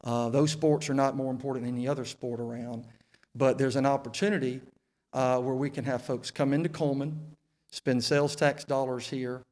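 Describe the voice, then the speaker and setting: A man's voice: mid-range voice, flat delivery, a little fast, darkish tone. A man in his forties with a Southern US accent, giving candidate remarks at a local debate through a face mask. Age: 40s. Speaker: city council candidate, incumbent.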